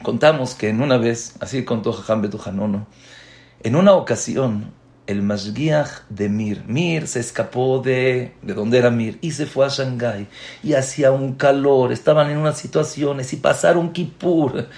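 Man, religious teacher, slow storytelling sermon, emphatic rises. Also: medium pitch, creaky. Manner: animated storyteller, voice rising for emphasis.

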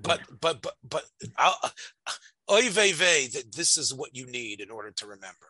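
Emphatic man with bright. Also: medium pitch, expressive, breathy edge, no echo. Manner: argumentative, emphatic, halting with repeated words. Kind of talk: religious debate, conversational.

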